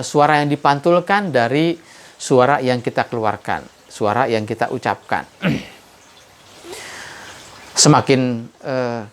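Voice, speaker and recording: A man hosting his own channel, telling a moral story slowly and thoughtfully, pausing often with "eh" and lifting his voice on key points. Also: a bit bright. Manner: unhurried, measured, frequent "eh" pauses; rises in pitch and force on key points. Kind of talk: reflective moral storytelling monologue.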